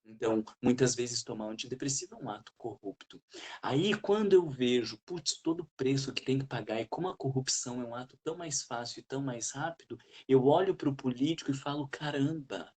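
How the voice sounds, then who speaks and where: A man's voice: medium pitch, animated, a little fast, darkish tone, breathy edge. A man leading a spiritual study group, talking in an earnest, reflective way and putting questions to the group.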